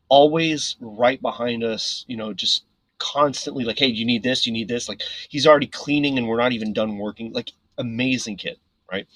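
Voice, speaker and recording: Male podcast guest; husky, animated storyteller; dry close-mic sound. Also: medium pitch, no room sound, rough recording. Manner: animated, filler-heavy, frequent "right?". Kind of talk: casual storytelling.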